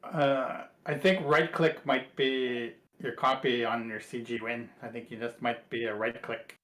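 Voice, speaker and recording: Man, mid-pitched, roomy echo, repeats himself, casual instructions. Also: steady tone, fairly bright tone. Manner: repeats words, quick affirmations. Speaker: co-host guiding setup. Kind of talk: casual chat giving instructions.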